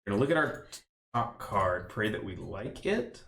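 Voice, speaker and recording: A man's voice: fairly low pitch, big pitch swings, moderate pace, gravelly, a bit bright, roomy sound. A man streaming a card game, thinking aloud in casual play-by-play commentary with rambling, self-mocking asides. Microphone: desk stream mic.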